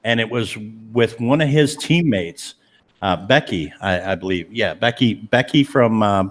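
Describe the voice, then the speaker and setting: A man with a low voice and a drawl tells a spooky story at an easy pace. He is laid-back and loose, and fills his sentences with "you know" and "like". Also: animated, unhurried. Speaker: paranormal investigator. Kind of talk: casual storytelling.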